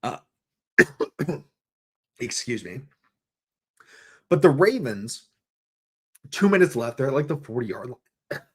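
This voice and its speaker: A man's voice: medium pitch, big pitch swings, slow, pauses often, breathy edge. A young man ranting on a live stream, frustrated and profane, with lots of fillers and restarts. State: coughing, throat irritated. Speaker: sports fan streamer. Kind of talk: casual live-stream rant.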